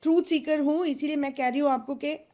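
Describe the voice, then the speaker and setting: High-voiced outspoken woman debating. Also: fairly even intonation, dark tone. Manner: outspoken, halting, with many hesitations. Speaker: panel guest. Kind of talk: televised debate commentary.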